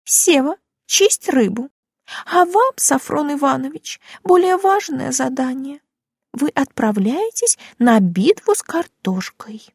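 Woman voicing a bossy elderly neighbor lady, audiobook, high-pitched, gravelly, cooing, commanding. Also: lively intonation, slow pace, darkish tone, dry recording, clean studio sound, full character voice. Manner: gushing and commanding. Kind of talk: audiobook character voice.

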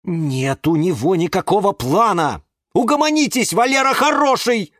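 A man's voice: fairly high pitch, sing-song, unhurried, dry recording, studio quality, voice pushed up. A man voicing a patient young man who reasons with his talking plants in a children's audiobook, with a reasoning, exasperated manner. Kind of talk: audiobook character voice.

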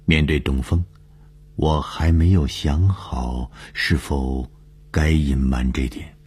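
A man narrating a suspense story in measured, deliberate audiobook style. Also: a bass voice, steady tone, darkish tone, breathy edge.

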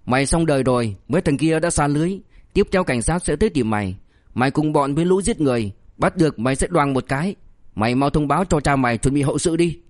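In a studio-quality audiobook recording, a man with a slightly high, natural, expressive voice talks fast as he plays a blunt young boss. The character is menacing, harsh, and threatening, mocking and scolding, and there's no echo.

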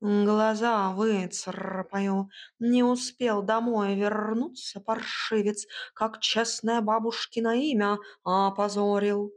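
A woman voicing a proud, grumbling male house cat who talks slowly and purrs between words in an audiobook. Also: mid-range voice, level tone, natural voice. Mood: storytelling. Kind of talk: audiobook character voice.

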